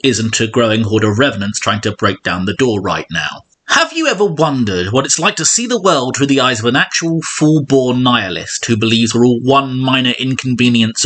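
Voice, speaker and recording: Man, video-essay narration, sardonic, swooping pitch, bright edge. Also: animated, fairly quick, hardly any pauses. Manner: sardonic, mock-posh asides. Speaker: YouTube film analyst.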